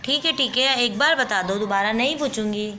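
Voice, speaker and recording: A woman's voice: on the high side, moderate pace, pushed and bright, slight background noise. A woman voicing a timid, forgetful little girl in a doll play story, whiny and pleading.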